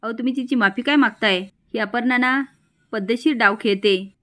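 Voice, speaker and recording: A woman voicing a scheming, sharp-tongued woman who speaks defiantly and justifies herself, in a serial recap. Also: a little high, moderate pace.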